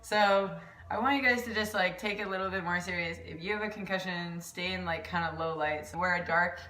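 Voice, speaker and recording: Woman vlogger, rambling casual chat, lowish voice, mild concussion, roomy and off-mic. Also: brisk, pushed and bright, recorded from a distance, a little hiss or hum. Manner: rambling, chatty, laughs often. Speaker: volleyball coach vlogger. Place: at home, kitchen pantry. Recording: echoey room, off-mic.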